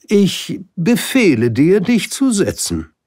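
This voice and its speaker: A man voicing a pompous old king in a storybook, giving loud commands. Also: sits high, huge pitch swings, slow pace, no echo, studio quality, pitched above the performer's own voice, exaggerated voice. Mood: commanding. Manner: commanding, declaiming orders. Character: pompous old king, bossy but kindly.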